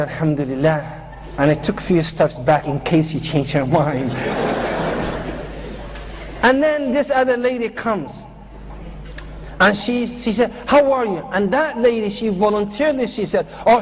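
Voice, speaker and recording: High-voiced man telling a stand-up story. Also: normal speed, long pauses. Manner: animated, acts out the scene with quoted voices. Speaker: comedian. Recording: live show with a noisy laughing crowd. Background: audience laughter and noise.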